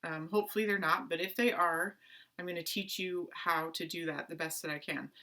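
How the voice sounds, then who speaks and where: A woman teaching a playful online strings lesson for children, asking questions and keeping it lively. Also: on the low side, fairly quick. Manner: animated, talks to kids with pretend play and questions. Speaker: music teacher. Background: violin notes.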